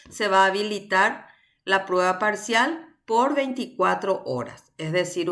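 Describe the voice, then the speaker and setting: A woman leads an online university class through her computer mic. She speaks slowly and deliberately, with a bright, forward tone. She keeps checking that her students follow, step by step. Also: fairly low pitch. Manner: patient, explains step by step with checking questions. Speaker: university language teacher.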